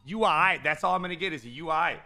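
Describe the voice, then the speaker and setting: A man's voice: a little high, rapid-fire, sharp tone, soft background music. A man in his thirties hosting a casual gaming chat on a headset, teasing playfully and talking in slang. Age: 30s. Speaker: streamer host. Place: streaming room, indoors.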